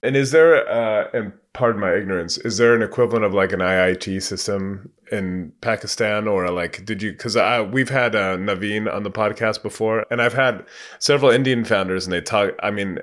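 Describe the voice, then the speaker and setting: A man's voice: lowish voice, fairly even intonation, moderate pace, fairly bright tone. A man hosting a podcast who asks casual, rambling questions full of fillers. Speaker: podcast host. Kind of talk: conversational interview questions.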